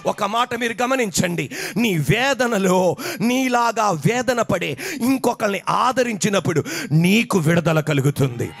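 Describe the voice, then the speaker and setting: A male pastor preaching an impassioned, sing-song sermon that builds to shouts. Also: sits high, lively intonation, unhurried, gravelly.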